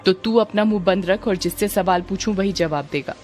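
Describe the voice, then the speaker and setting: Storybook read-aloud: a woman voicing a scolding policewoman, stern, commanding, over soft music. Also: medium pitch, brisk, natural voice. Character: stern angry female police officer.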